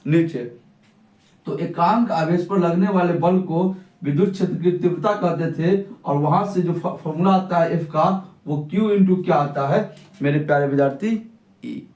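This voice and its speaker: Echoey, high-voiced teacher quizzing himself. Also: male voice, a little mellow. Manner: asks questions and answers them himself. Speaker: physics teacher. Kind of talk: classroom physics lesson. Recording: echoey room, mic at a distance.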